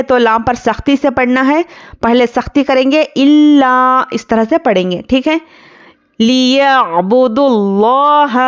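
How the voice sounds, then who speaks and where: A woman teaches Quran recitation in a patient, step-by-step way, breaking off to recite each phrase slowly and drawn out. Her voice sits fairly high and sounds smooth and clear. The recording is dull and lo-fi. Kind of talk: tajweed lesson, explaining rules word by word.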